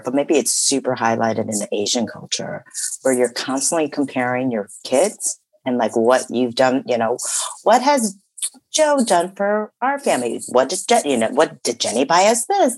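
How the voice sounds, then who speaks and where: Very low-voiced reflective woman. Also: no room sound. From Chicago area, USA. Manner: reflective and chatty, many fillers and laughs. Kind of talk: casual conversation.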